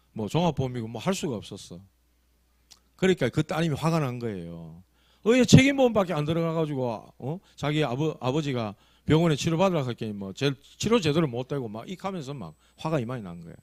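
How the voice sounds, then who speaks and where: Storytelling Korean pastor with lively pitch. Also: male voice, dry recording. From South Korea. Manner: storytelling, conversational with rising emphasis. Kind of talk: sermon. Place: church sanctuary.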